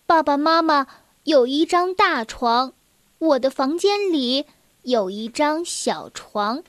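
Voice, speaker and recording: A woman reading a children's storybook aloud in a slow, clear and expressive way. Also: high voice, dry recording.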